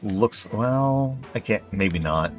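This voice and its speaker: A male streamer chatting casually at home at night while playing a game, relaxed and rambling with many fillers. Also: lowish voice, slow, over loud music. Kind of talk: casual gameplay commentary.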